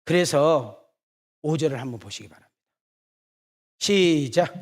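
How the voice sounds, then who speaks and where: High-voiced teasing male preacher. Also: expressive, unhurried. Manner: teasing, rhetorical back-and-forth questions. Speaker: senior pastor. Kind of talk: sermon. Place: church.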